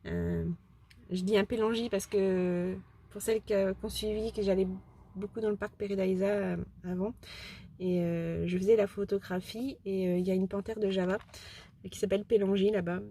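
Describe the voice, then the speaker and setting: A woman chatting casually as a craft vlogger, rambling and excitable, often restarting her sentences and giggling at herself. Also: medium pitch, a little hiss or hum. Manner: excitable and self-deprecating. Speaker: craft vlogger showing a shopping haul. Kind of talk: casual chat.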